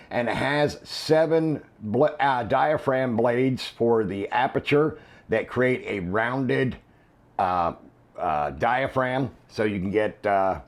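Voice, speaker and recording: A man unboxing and reviewing a camera lens, explaining in a relaxed way with frequent ums and uhs. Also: mid-range voice.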